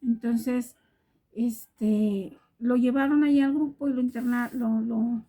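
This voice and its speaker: Woman preacher, high and soft-toned, sermon full of repeated rhetorical questions. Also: fairly even intonation, slow. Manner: repeats rhetorical questions, often addressing the listeners as brothers and sisters.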